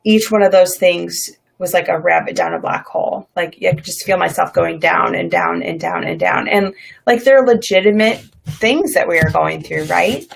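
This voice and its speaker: A woman casually telling a personal faith story, animated and full of "like" and "um". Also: lowish voice, moderate pace, gravelly. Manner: animated, dramatizes her own past reactions; many fillers like "like" and "um". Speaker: vlogger sharing faith stories.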